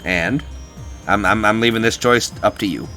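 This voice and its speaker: A man's voice: on the low side, normal speed, pushed and bright, soft background music. Crude, joking game streamer man. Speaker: host of a game playthrough. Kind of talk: casual gameplay commentary.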